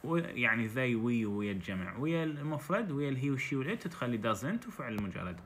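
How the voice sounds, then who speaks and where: A man's voice: medium pitch, sing-song, a bit bright, a little hiss or hum. A man with an Iraqi Arabic accent, teaching English by reading a textbook story and explaining it in dialect. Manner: reads English lines slowly, then translates into dialect.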